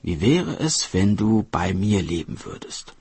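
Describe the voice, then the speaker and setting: A man voicing a humble, kind woodcutter in a storybook tale, speaking plainly and gently. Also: fairly low pitch, sing-song, a little slow, breathy edge, no echo, exaggerated voice. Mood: gentle. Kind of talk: storybook narration.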